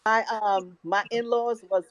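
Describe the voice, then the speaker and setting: A woman's voice: mid-range voice, steady tone, unhurried, fairly bright tone, no echo, highs cut off. A woman on a remote call whose audio keeps breaking up, casually telling a family story. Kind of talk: casual chat. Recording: broken-up distant call line.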